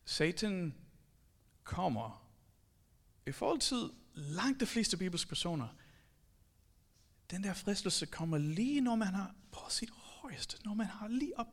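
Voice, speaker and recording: Lively, high-voiced male preacher. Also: long pauses. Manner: animated storytelling, addresses the audience. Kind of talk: sermon. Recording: long hall reverb.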